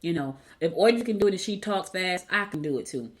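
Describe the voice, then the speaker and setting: Lower-voiced woman podcaster talking with braces. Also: animated, quick pace. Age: middle-aged. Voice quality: slightly slurred speech from braces. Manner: talks with braces, stumbling over words at times; candid, encouraging, repeats phrases for emphasis. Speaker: podcast host. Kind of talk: motivational solo podcast talk.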